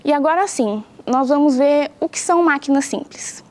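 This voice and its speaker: A young woman teacher from Brazil, giving a patient home science lesson that explains things clearly and asks the pupils questions. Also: high-pitched, moderate pace.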